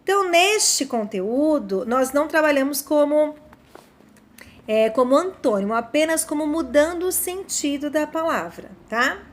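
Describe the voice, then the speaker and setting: A Brazilian woman teaching a Portuguese lesson to young children, with a slow, emphatic manner and frequent checks like "né?". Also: high-pitched, expressive. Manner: warm, slow, emphatic, often asks "né?" and "tá?". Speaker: primary school teacher.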